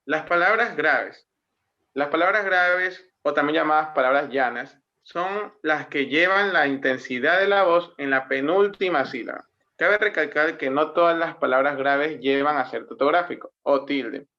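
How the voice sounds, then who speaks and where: Man reading a class presentation, lo-fi. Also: fairly high pitch. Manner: explanatory, slows down to read example words. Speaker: student presenter. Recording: muffled lo-fi recording.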